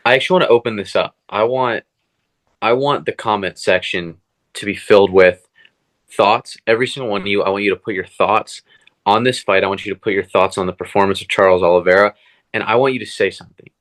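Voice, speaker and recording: A man's voice: fairly low pitch, fairly quick, fairly bright tone. A young man co-hosting a casual fight podcast, pushy and eager, urging viewers to comment. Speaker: MMA podcast co-host. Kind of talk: casual fight-analysis chat.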